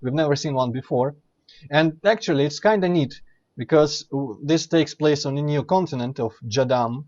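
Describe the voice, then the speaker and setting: A man's voice: mid-range voice, a little mellow. Guy streaming a game, rambly explainy chat, corrects himself, bit of a dull mic. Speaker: streamer playing and commenting. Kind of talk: casual let's play commentary.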